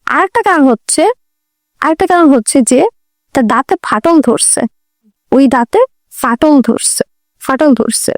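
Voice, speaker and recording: High-voiced woman lecturing. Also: expressive, a little slow, pauses often, dry recording, studio quality. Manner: repeats key points, asks rhetorical questions, mixes in English. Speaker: dental lecturer.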